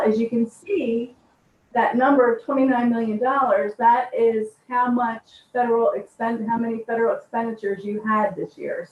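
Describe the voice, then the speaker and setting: A woman auditor presents a report over a speakerphone, steady and methodical, with frequent ums. The line is thin and tinny, and she sounds distant from the mic in an echoey space. Her voice sits a little high. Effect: heard over a speakerphone from far away. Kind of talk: formal presentation at a public meeting.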